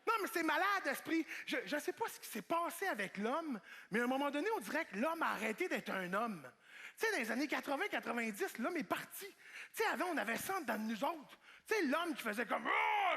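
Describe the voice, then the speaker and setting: A man with a Québécois French accent doing a stand-up comedy routine on a theatre stage, telling a story and acting out voices and shouts. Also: very high voice.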